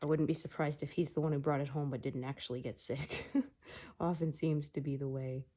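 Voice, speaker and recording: A middle-aged cross-stitch vlogger chats casually while stitching, her low voice relaxed and meandering and full of "uh"s. She's still recovering from a cold, so she sounds slightly stuffy, and she talks a little fast.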